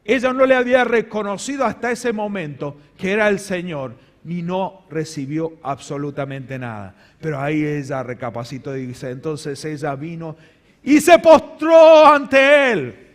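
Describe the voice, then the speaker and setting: Man, Argentine accent, pastor, sermon, dramatic loud and hushed delivery, long church reverb. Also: moderate pace, few pauses. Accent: Argentine Spanish. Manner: dramatic swings between loud emphatic and low hushed delivery. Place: large church hall.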